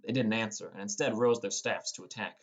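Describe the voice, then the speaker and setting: This audiobook narrator is a young man with a lowish voice who moves at a fairly quick clip. He delivers scripted fantasy in the first person, playing the part of a dramatic storyteller.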